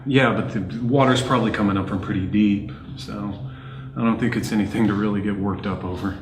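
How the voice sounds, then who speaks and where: A man playing a calm, sceptical investigator with a casual, dismissive manner, in found-footage horror film style. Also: fairly low pitch, a little fast, lightly acted. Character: calm, sceptical male investigator explaining things away. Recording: echoey room, clear background noise.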